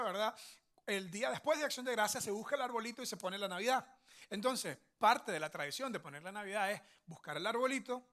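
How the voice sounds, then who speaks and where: A man's voice: high voice, bright, forceful tone. A man, a pastor, giving a conversational sermon with family stories, often checking in with his listeners. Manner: chatty, checks in with "verdad?" and "ok?"; anecdotal, family storytelling.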